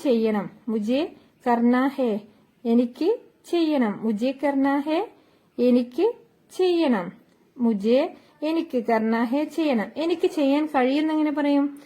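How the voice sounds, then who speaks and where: A woman with a high, warm voice teaches Hindi phrases at an unhurried pace. She patiently repeats each phrase several times in this slow language lesson.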